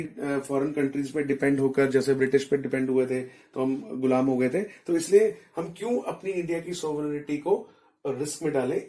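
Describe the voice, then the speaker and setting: A male teacher with an Indian accent explains points one at a time and breaks in to check that his students follow. His voice sits fairly high but sounds mellow. The room around him is roomy and echoey. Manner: explains step by step, mixing in English terms, asks check-in questions. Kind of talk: explaining economics in a recorded lesson.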